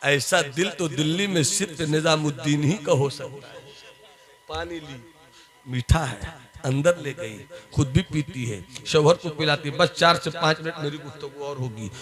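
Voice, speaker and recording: Male preacher, slow dramatic storyteller, repeats lines, soft to shouted. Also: fairly high pitch, crowd noise. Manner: repeats phrases for effect. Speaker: Islamic preacher. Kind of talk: sermon storytelling.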